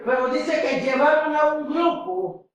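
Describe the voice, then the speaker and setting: A male pastor preaching a sermon, shouting at the peaks and calling for applause. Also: very high voice, steady tone, measured pace, dull audio. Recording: echoey hall from far off.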